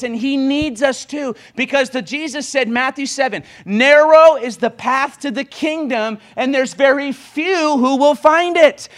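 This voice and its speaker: A preacher in his 20s delivers a sermon in a voice that sits very high for a man. He exhorts with impassioned speed, driving his points hard, racing ahead and then punching words out in sudden bursts of volume.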